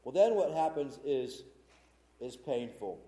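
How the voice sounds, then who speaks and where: A man's voice: medium pitch, sing-song, unhurried, dark tone. Earnest preacher man in a roomy space. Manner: retelling scripture in his own words, earnest and conversational. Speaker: pastor. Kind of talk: sermon.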